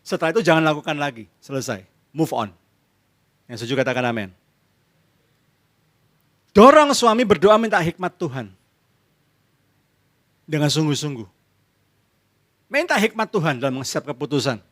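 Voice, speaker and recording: A man's voice: fairly high pitch, very animated, moderate pace, long pauses, a bit bright. A man preaching a sermon as pastor in a church service, speaking with an Indonesian accent. He asks the congregation questions and answers them himself, acts out couples' arguments, and mixes in English phrases.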